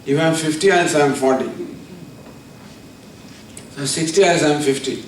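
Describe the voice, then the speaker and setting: A man, a spiritual teacher giving a deliberate scripture lecture with everyday examples. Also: a little high, slight background noise. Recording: roomy, distant mic.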